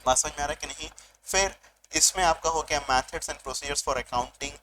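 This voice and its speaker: A male commerce teacher giving a revision lecture, mixing Hindi and English, asking questions and answering them himself, and reading out definitions slowly. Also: fairly high pitch, noisy background. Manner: switches between Hindi and English mid-sentence. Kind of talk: online exam revision lecture.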